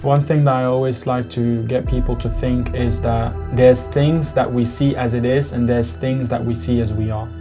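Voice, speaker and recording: Over music, a young East African man speaks as a podcast guest, recounting his spiritual journey in an earnest, searching way that builds to intensity. His mid-range voice holds a steady tone at a moderate pace, with hardly any pauses.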